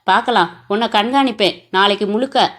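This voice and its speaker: A woman's voice: mid-range voice, fairly quick, a bit bright, close to an everyday voice. A woman voicing a masked male kidnapper who gives curt, threatening orders. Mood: menacing.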